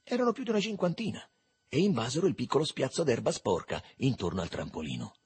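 A man narrating a novel as an audiobook, reading in an expressive, animated way. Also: mid-range voice, fast, husky.

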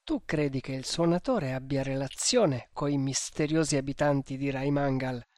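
A man's voice: mid-range voice, moderate pace, darkish tone, no room sound, studio quality, close to an everyday voice. A man voicing a proud, fearless snake hunter who gives curt, commanding orders in an audiobook. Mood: questioning.

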